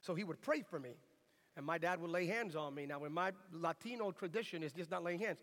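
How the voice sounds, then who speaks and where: A middle-aged American man preaching a sermon, telling lively, humorous stories. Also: fairly high pitch, a little fast. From United States. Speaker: pastor. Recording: reverberant hall.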